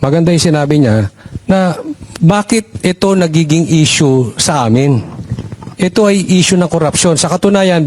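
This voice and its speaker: A man's voice: fairly high pitch, a little mellow, slight background noise. A man who is a vlogger speaks as a commentator on a panel and presses the guests with direct questions.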